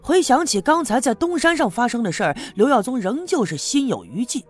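Man, serialized audiobook narration, animated, husky, faint music. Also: very high voice, brisk. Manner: animated, storytelling. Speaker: storyteller.

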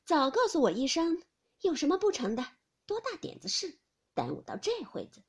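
A woman voicing a sharp-tongued young noblewoman who teases and gives orders briskly, read as part of a classic novel audiobook. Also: high-pitched, big pitch swings, breathy edge, heavily acted. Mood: teasing. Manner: teasing, brisk.

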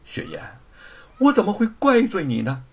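A man voicing a gentle young scholar in a storytelling performance, speaking softly and tenderly. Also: high voice, wildly swooping pitch, moderate pace, breathy edge, voice pushed up, exaggerated voice.

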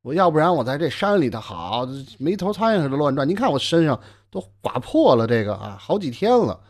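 A man's voice: very animated, fairly quick. A man voicing a meek, stammering young scholar. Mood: meek pleading. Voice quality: low and hushed compared with the narrator. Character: timid, fawning young male scholar who calls himself Yao.

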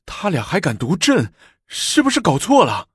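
A man's voice: a little high, huge pitch swings, moderate pace, slightly rough, dry recording, studio quality, pitched above the performer's own voice, exaggerated voice. A man doing a flustered, timid emperor. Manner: fretful and stammering.

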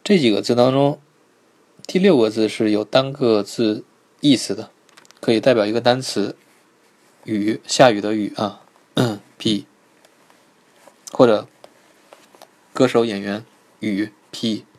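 A man teaching a live online pronunciation lesson, patiently repeating each sound slowly and checking in with his students. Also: lowish voice, a little mellow. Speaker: Korean language teacher.

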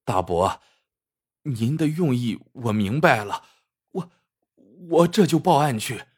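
A man's voice: medium pitch, animated, slow pace, slightly rough. A man voicing a nervous young nephew who mutters in a shaken way.

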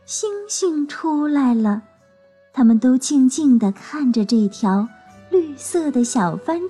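A woman telling a children's story in a gentle, expressive way. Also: sits high, slightly rough.

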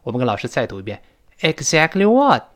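A man teaching spoken English, stretching out slow model pronunciations of words for learners to repeat. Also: lowish voice. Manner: lively, varied intonation.

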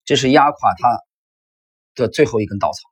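Man reading book notes, slightly husky. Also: medium pitch, no echo. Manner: measured reading with spoken asides.

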